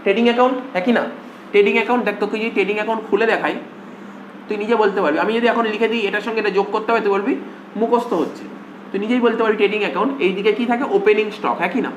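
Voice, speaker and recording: ক্লাসে হিসাবশাস্ত্র পড়াচ্ছেন এক পুরুষ শিক্ষক, বারবার একই কথা বলে ছাত্রদের প্রশ্ন করে বোঝান, কথায় বাংলা টান।. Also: male voice, high-pitched, fairly even intonation, rapid-fire, highs cut off. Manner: coaxing, repetitive, asks students questions. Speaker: accounting tutor. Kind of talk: classroom lecture. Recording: echoey room, faint hum.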